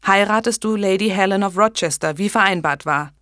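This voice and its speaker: A woman reading an audiobook, voicing a stern, angry medieval lord with a gruff, commanding manner. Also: mid-range voice, fairly quick, a bit bright, no room sound, studio quality, natural voice.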